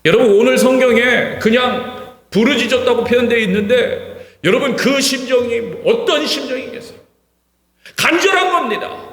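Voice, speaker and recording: A male pastor preaching an impassioned sermon in a church, repeating words for emphasis and swinging from hushed to shouting. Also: extremely high pitch, normal speed. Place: church sanctuary. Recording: reverberant church hall.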